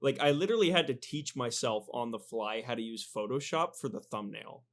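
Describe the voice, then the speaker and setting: A man's voice: medium pitch, fairly quick. Hesitant young male guest editor. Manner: hesitant, stumbling restarts, self-deprecating. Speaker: video editor, podcast guest. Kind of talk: casual podcast chat.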